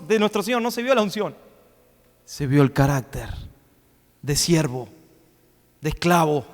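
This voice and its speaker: Man, fiery sermon, high voice, long church reverb. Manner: preaching with sudden loud rises and quick asides. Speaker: pastor. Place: church hall.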